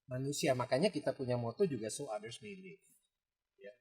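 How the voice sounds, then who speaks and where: A man's voice: mid-range voice, lively intonation, a little fast, darkish tone, poor audio. Guy with a mid voice, earnest, explaining things in a podcast chat. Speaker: rescue team member guest. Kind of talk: casual chat.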